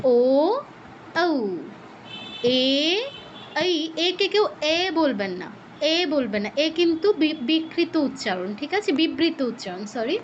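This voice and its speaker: A high-pitched woman teaches pronunciation to an online class and demonstrates each sound slowly, one syllable at a time. Her voice comes over a dull, lo-fi video call line. A faint hiss sits underneath. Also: big pitch swings.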